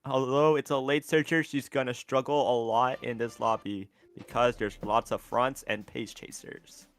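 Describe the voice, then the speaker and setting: A man casting an online racing tournament, getting loud and excited during the race calls. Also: medium pitch. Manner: excitable, rises to loud fast calls at the finish. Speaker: tournament caster. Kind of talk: esports race commentary.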